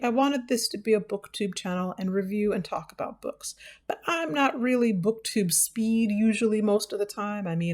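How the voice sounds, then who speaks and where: This American book-channel host, a woman, talks off the cuff in a casual vlog, wandering into digressions with dry, self-mocking humor. Her pitch is medium and her tone a touch mellow.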